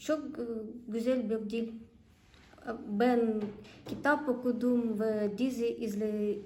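A woman's voice: a little high, steady tone, slow pace, darkish tone. A woman answering interview questions in hesitant learner's Turkish. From Russia. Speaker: language learner being interviewed. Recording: echoey room with faint noise.

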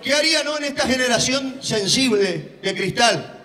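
A man preaching a fiery sermon, shouting often and saying hallelujah constantly. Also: extremely high pitch, animated, moderate pace, big-room sound. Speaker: evangelist preacher.

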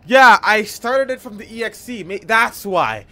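A man streaming a live playthrough, chatting excitedly with plenty of slang and swearing. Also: high voice, unhurried. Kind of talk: live gameplay commentary.

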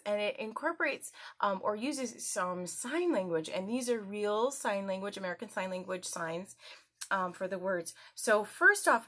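A woman in her thirties presents a story time lesson for children from a small room at home, speaking straight to young viewers and asking them exaggerated, encouraging questions. Her voice is medium-pitched, bright and forceful.

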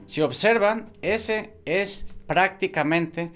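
A man's voice: high-pitched, takes it slowly. A man teaching guitar technique, explaining each step patiently and often checking in with "ok?". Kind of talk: instructional explanation. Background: loud guitar playing.

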